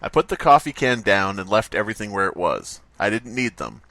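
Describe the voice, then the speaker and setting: A man with a lowish voice hosts a comedy podcast, reading stories aloud and riffing casually on bits with jokes and swearing. He sounds very animated and a little fast, with a sharp tone and no room sound.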